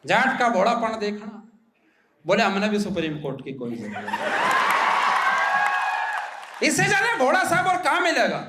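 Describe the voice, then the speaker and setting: A man with a Haryanvi accent doing stand-up comedy for a live audience in an auditorium. He talks punchily, shouts his punchlines and keeps speaking straight to the crowd. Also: very high voice, background noise. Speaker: comedy poet. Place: auditorium stage. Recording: echoey hall.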